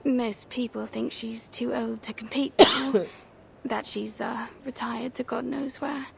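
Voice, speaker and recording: An actress playing a cool, confident young female competitor in a game, speaking in a slow, measured way. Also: a little high, fairly even intonation, gravelly, a little hiss or hum, full character voice. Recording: game audio with music behind.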